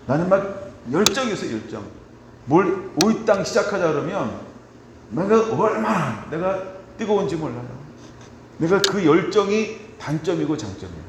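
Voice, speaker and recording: A middle-aged male pastor with a fairly high voice delivers a conversational sermon, dropping to quiet confiding asides and then rising to loud, emphatic declarations. He keeps checking in with the congregation with rhetorical questions. The sound is roomy, with a long hall reverb and a faint hiss underneath. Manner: conversational preaching, frequent rhetorical "right?" checks. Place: church sanctuary. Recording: echoey church hall with faint background noise.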